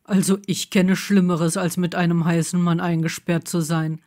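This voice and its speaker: A woman reading an audiobook, voicing a flustered young man whose replies come hushed and breathy. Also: fairly low pitch, level tone, normal speed, natural voice. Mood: cocky.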